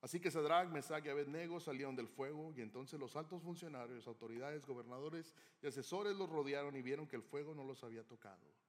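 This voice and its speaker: Male preacher, sermon, somewhat high voice, dramatic loud-to-hushed storytelling, long hall reverb. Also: fast talker, few pauses. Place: church hall with screens.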